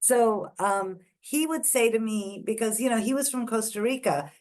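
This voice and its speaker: A lecturer from India, not a native English speaker, methodically goes through scans in an online ear anatomy class, identifying each structure in turn. She speaks at normal speed, with a somewhat high pitch and a darkish tone.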